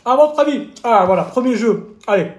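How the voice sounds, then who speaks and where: Streaming live from an echoey room, a male fitness coach eats while chatting and teasing his audience with mini lessons and quizzes, often talking with his mouth full. His very high voice is expressive, and his pace is moderate.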